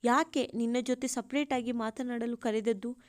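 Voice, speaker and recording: A woman's voice: a little high, steady tone, moderate pace, darkish tone, dry recording, clean studio sound, lightly acted. A woman voicing an anxious young woman who fires question after question.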